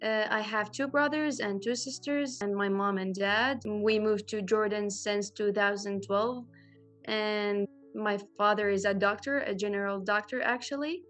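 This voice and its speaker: Young woman, halting and earnest. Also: medium pitch, fairly bright tone, faint music behind. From Syria. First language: Arabic. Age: 20s. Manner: halting, earnest, frequent pauses and restarts. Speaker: translation student sharing her story. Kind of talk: personal testimony to camera.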